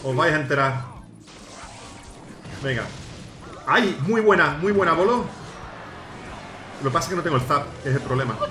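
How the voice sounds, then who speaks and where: A man giving excited gameplay commentary, coaching his teammates and shouting at big plays. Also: on the high side, a little fast, long pauses, noisy background. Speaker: gaming YouTuber host. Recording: roomy sound with game music. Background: game music.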